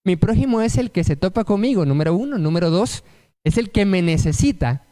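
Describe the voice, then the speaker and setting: A man's voice: sits high, expressive, brisk, dark tone. A man preaching a sermon, emphatic and asking the congregation rhetorical questions.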